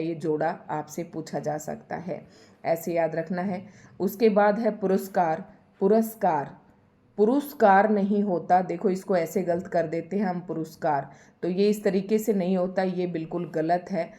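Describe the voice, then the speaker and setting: Her voice is warm and fairly low as she patiently guides students through Hindi spelling for an exam. Each word gets said over and over so its spelling sinks in.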